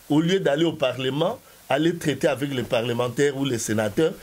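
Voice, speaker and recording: A man giving emphatic, animated political commentary, often halting to find his words. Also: on the high side. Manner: animated, emphatic, code-switching.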